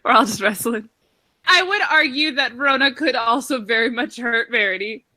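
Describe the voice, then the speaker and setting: A woman's voice: on the high side, normal speed, sharp tone. A woman narrating a tabletop game as game master, with wry, dry asides.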